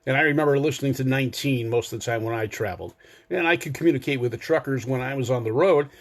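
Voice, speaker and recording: Talking at a quick pace in a mid-range voice, the older host of a car show delivers a casual, informative monologue to viewers watching live online. He explains things folksily and slips in wry asides.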